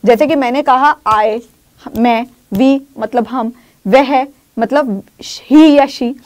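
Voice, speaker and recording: Woman, high voice, English teacher, grammar lesson in Hindi, slow English examples, repeats phrases. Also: a little mellow. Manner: explains in Hindi, says English example sentences slowly; repeats key phrases and often says "ठीक है".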